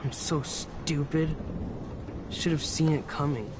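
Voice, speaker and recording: A man's voice: a little high, fairly even intonation, takes it slowly, in a whisper. A man playing a dejected, self-blaming young student in a video game. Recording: clear storm noise behind.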